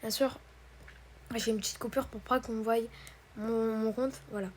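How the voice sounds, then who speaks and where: In no hurry, a woman with a slightly high, somewhat mellow voice and fairly flat intonation hosts a casual screen-recorded tutorial, with a little hiss or hum in the audio. Her delivery is hesitant, packed with fillers and restarts, and she calls everyone "guys" and "brothers."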